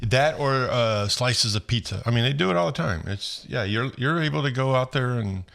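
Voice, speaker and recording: A man's voice: mid-range voice, expressive, normal speed, vocal fry, fairly bright tone. Rambling laid-back male podcast co-host. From Florida. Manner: rambling storyteller with restarts and impressions. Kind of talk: casual chat.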